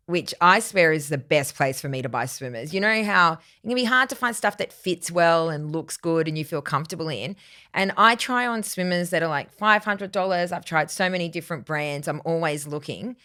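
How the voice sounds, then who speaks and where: A woman's voice: fairly low pitch, expressive, normal speed, sharp tone. A woman in her thirties with an Australian accent, co-hosting a casual chat podcast and telling self-mocking stories. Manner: chatty, storytelling, self-mocking. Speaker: podcast co-host.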